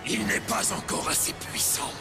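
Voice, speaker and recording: High-pitched, grandiose anime dark lord. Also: male voice, moderate pace, creaky. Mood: ominous, measured. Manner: solemn, theatrical proclamations. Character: grandiose dark villain lord, commanding and ominous. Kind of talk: French-dubbed anime villain acting. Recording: loud music over replayed anime audio.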